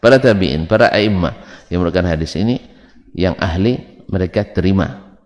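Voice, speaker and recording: A man's voice: low-pitched, normal speed, darkish tone. A man giving a religious lesson, joking and teasing his listeners with rhetorical questions. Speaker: Islamic religious teacher. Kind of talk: religious lecture with banter. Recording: long hall reverb.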